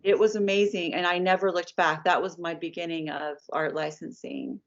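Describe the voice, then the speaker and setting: A woman in her fifties telling the story of her career as a guest in an interview, lively and chatty. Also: on the low side, normal speed. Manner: animated storyteller, acts out quoted voices. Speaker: licensed artist, guest. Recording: dull lo-fi sound.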